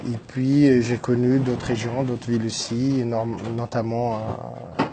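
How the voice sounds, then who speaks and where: A Brazilian entrepreneur in his 30s, whose first language is Portuguese, tells his life story in French as a guest on a radio interview. His medium-pitched, creaky voice stays level at a measured pace, full of fillers and restarts, over a noisy background.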